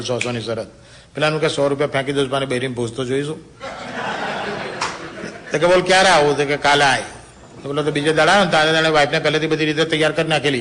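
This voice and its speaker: Man telling raunchy jokes to friends, higher-pitched, lowers his voice to play the characters. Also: a little hiss or hum. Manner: lively storyteller, drops to a low voice for dialogue, laughs at own punchlines. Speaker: joke teller. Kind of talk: telling adult jokes to a small group.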